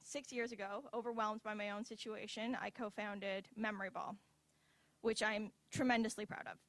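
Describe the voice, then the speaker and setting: Young woman in her 20s, heartfelt talk at a podium mic, dry close sound, mid pitch. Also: little pitch movement, moderate pace, fairly bright tone, no room sound. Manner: earnest, heartfelt, with light asides. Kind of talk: personal prepared speech. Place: university event hall.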